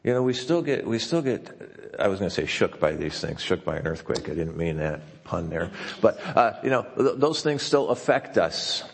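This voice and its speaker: Deep gravelly pastor in a reverberant hall. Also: male voice, very animated, moderate pace, hardly any pauses. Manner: conversational and folksy, with frequent restarts. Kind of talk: sermon. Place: church sanctuary.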